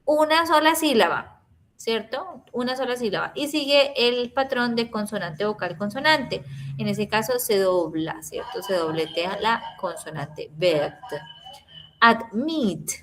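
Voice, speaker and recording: A woman teaches a grammar lesson at a slow, unhurried pace. Her voice sits a little higher than average, and she explains patiently, repeating each example word and checking in with the class. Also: a little hiss or hum, low-quality recording. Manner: repeats and stretches example words. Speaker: English teacher.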